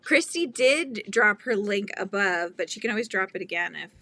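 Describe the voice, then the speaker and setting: A middle-aged crochet livestreamer reads viewer comments aloud, laughing and chatting casually as she works. Her mid-range voice is animated with a sharp tone at a moderate pace, and the recording is dry.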